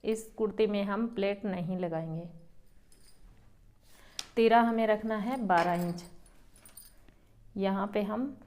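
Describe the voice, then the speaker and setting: A woman who runs a boutique, calmly explaining step by step how to cut a garment as she works. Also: medium pitch, slow, long pauses. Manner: calm, explains each step while working. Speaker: boutique owner teaching tailoring. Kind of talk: step-by-step sewing tutorial.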